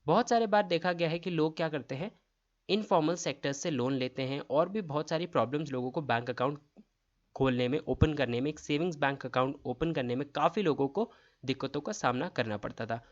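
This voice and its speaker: A quiz tutor runs an exam-prep lesson, reading each question and its options aloud before explaining the answer. His voice is fairly high-pitched and a little fast, and the audio sounds dull.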